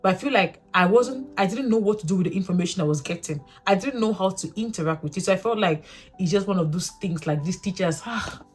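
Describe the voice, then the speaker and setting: This young woman from Africa, a vlogger with a local first language, speaks fast in a husky mid-range voice. Over soft background music, she talks casually and earnestly to camera, reflecting in a rambling, self-correcting way.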